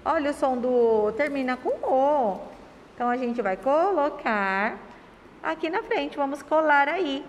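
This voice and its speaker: A woman's voice: sits high, expressive, big-room sound, a little hiss or hum. Brazilian teacher woman with sing-song pacing. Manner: sing-song, stretches words and syllables slowly; affectionate, asks children questions. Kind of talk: remote lesson for young children.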